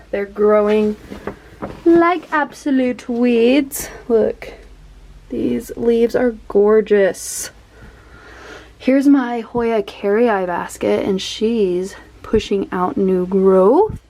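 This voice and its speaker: A woman's voice: a little high, warm tone. A woman giving a casual, chatty tour of her houseplants as a vlogger, laughing at herself and sounding a little out of breath. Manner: chatty, self-deprecating, laughs often. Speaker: plant vlogger.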